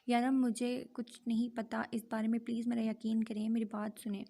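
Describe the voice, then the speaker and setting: A woman's voice: fairly high pitch, level tone, mellow. A woman reading as a terrified young wife begging. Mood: pleading. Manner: begging, desperate.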